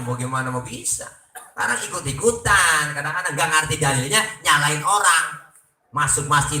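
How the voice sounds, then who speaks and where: At a prayer room gathering, a preacher with a Jakarta Betawi accent gives a funny sermon, performing both voices in each exchange he recounts. He speaks in a high, sharp tone far from the microphone, and the space sounds echoey and noisy.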